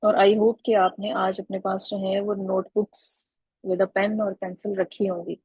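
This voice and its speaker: A woman's voice: mid-range voice, little pitch movement, slow pace, breathy edge, no room sound, dull audio. A woman teaching an Arabic grammar lesson online over a video call, patiently calling on students by name.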